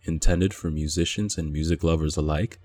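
A man hosting a podcast, opening the show in a smooth announcer manner. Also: extremely low pitch, fairly even intonation, moderate pace, dark tone, faint music behind. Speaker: podcast host.

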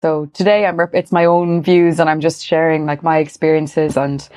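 Low-voiced woman with west of Ireland accent. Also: little pitch movement, moderate pace, darkish tone. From Galway, west of Ireland. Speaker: podcast guest, luxury marketing professional. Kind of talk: conversational interview.

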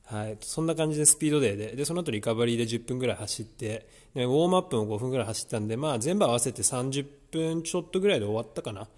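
A man's voice: mid-range voice, animated, rapid-fire, hardly any pauses, darkish tone, no echo. A man talking casually to a vlog about his training, thinking aloud in a reflective, conversational way. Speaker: vlogger.

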